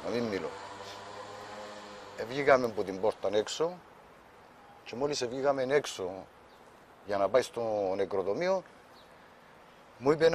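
Άνδρας με κυπριακή προφορά, θόρυβος εξωτερικού χώρου. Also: male voice, on the low side, slight background noise. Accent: Cypriot Greek. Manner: plain storytelling, quoting others. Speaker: eyewitness. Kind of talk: documentary interview testimony.

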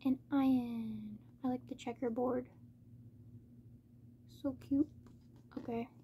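A woman chatting casually as she hosts an unboxing, speaking in a monotone with little stress on her words. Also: high-pitched, takes it slowly, muffled recording, slight background noise. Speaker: K-pop album unboxing host. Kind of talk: casual chat, unboxing commentary.

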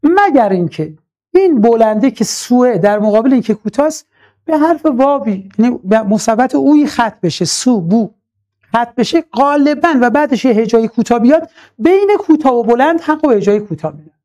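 A man with a very high, somewhat mellow, animated voice teaches a recorded online class. He's patient and methodical, repeats key terms, calls his students "dear ones," and slowly chants lines of verse when reciting them.

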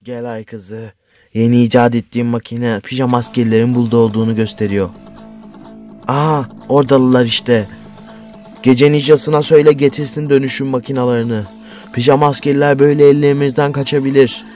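A man voicing a scheming boy mad scientist villain in a toy play video, talking in a low, bossy, plotting way. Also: flat delivery, brisk, mellow, faint music behind, close to an everyday voice.

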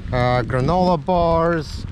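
A man's voice: a little high, slow. A man filming a casual family ski vlog outdoors on the slopes, easygoing and chatty, cheering the others on. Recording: wind noise on outdoor camera mic.

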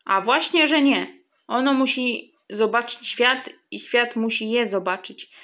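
A woman voicing a proud, contrary male grebe who talks loudly in a children's story. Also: fairly high pitch, measured pace.

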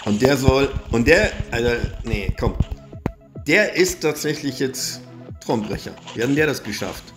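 A man giving excitable, casual commentary over his own mobile game, swearing often and filling pauses with "ähm" and "ne". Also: mid-range voice, music in the background. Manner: excitable, swears a lot, frequent fillers. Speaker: gaming YouTuber. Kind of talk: live gameplay commentary.

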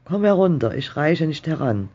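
Ein Mann, der eine verzweifelte alte Frau spricht, die schrill nach ihrem Sohn ruft. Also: male voice, very animated, a little slow, gravelly, mellow, breathy edge, full character voice. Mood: urgent. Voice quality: shrill, pleading. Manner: crying out in anguish. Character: frantic old woman, desperate grieving mother. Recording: dull muffled recording.

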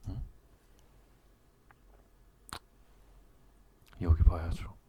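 A man playing a teasing, possessive, dominant lover in an ASMR role-play, murmuring slowly and switching between coaxing and commanding. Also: sits low, a little hiss or hum. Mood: jealous teasing. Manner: slow murmuring, coaxing and commanding, often soft-spoken.

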